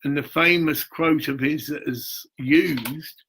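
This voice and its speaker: Speaking slowly in a somewhat high, a bit bright voice, with slight background noise, an older charity founder addresses viewers directly in a self-filmed video. His monologue is theatrical, emphatic, mystical and rambling.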